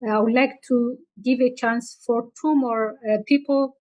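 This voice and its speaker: Higher-pitched woman moderating a webinar. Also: fairly even intonation, measured pace, a little mellow, low-quality recording. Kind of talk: moderating an online workshop.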